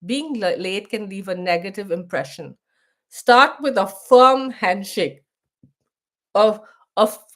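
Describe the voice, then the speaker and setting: A woman with a medium-pitched, slightly bright voice, middle-aged and from India, hosts a casual live stream for expats in an Indian accent. She chats freely, often starting sentences over and reading text aloud.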